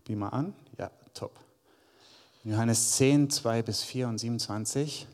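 A man's voice: mid-range voice, a little slow, darkish tone. A man giving a conversational sermon to a congregation, reading Bible verses aloud. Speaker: preacher. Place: church hall. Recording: long hall reverb.

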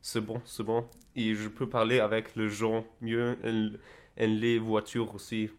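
A young man from Germany with a German accent touched by Spanish, speaking broken, halting non-native French in a casual interview, often repeating and searching for words. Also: on the low side, monotone. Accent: German with Spanish influence. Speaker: interviewee recounting travels.

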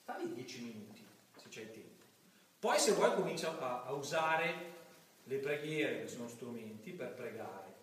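A man giving a sermon-style talk as a priest, lively, acting out the voices of people praying to mock them. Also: medium pitch, measured pace, a little hiss or hum. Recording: echoey church from a distant mic.

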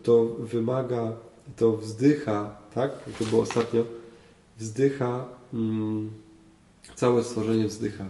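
A man's voice: mid-range voice, warm tone. Man, priest teaching a group, repeats key phrases, roomy hall echo. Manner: asks listeners questions and repeats phrases for emphasis. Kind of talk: teaching talk on faith.

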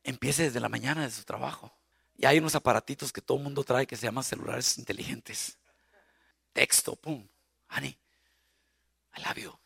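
A man preaching a sermon on marriage as a guest pastor, animated, acting out spouses' lines and shouting for emphasis. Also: medium pitch, fairly quick, gravelly, slightly rough, dry recording, clean studio sound.

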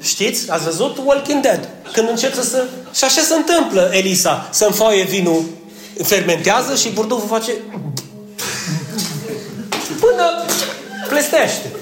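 A man's voice: high-pitched, animated, echoey room, over music. A male pastor, preaching a humorous sermon, acting out little scenes and calling on listeners by name. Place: church, indoors.

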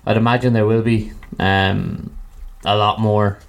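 A man's voice: fairly low pitch, flat delivery, measured pace, gravelly. A man with a west of Ireland, Galway accent, co-hosting a podcast in casual fan chat. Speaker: podcast co-host.

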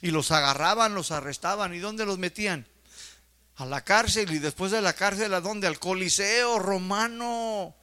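High, bright-voiced fervent male preacher. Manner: fervent, with rhetorical questions and repeated "my brothers". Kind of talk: sermon.

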